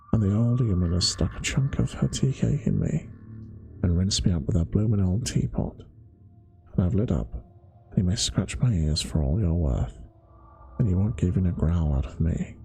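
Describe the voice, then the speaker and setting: A man doing a grumbling old zookeeper with a rough London working-class accent. The voice sits deep and gravelly, with a dark, mellow tone. He talks bluntly and slowly in dialect, told as a bedtime-story ASMR reading. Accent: London working-class (put on). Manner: rough dialect, slow folksy telling.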